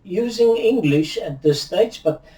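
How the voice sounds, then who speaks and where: A slow, mellow older man, whose first language is Afrikaans, teaches the Bible in an unhurried video, indoors in front of a virtual backdrop. His voice sits high and sounds animated, while his manner is measured and reflective, with frequent restarts and hand gestures. A distant mic adds roomy echo.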